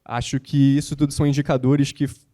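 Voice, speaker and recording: A young man from Rio de Janeiro, born in the United States and raised there, appears as a panel guest on stage; he is a basketball content creator. He talks quickly at a medium pitch, in an animated, motivational and slangy way.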